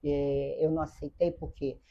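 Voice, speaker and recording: A woman's voice: low-pitched, little pitch movement, moderate pace. An older woman with a Brazilian Portuguese accent, a guest telling a personal story earnestly, repeating phrases and addressing the host by name. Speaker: interview guest. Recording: dull lo-fi sound.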